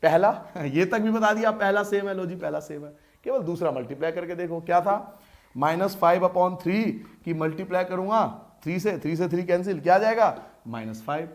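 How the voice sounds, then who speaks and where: Lively high-voiced male maths teacher. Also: a little fast. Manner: lively, coaxing, asks and answers his own questions. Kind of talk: board lesson.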